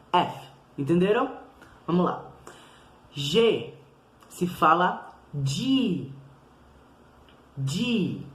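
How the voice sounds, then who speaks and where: A man, a primary school teacher giving a recorded lesson to children, patiently repeating each sound slowly and clearly. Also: on the high side, a bit bright, reverberant.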